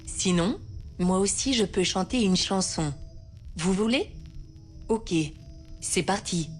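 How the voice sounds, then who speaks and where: A woman doing a slow deadpan voice assistant. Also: medium pitch, soft background music. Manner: flat, soft, slow, shrugging off refusals. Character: chirpy female synthetic assistant who sings. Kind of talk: comedy sketch.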